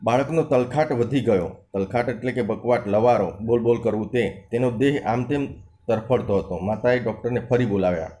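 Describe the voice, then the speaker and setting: This male teacher speaks at a moderate pace in a dark, mid-range voice. He reads a textbook story aloud, and after every passage he goes back over it in his own words and defines the tougher vocabulary, switching to a different voice to act out the characters' lines.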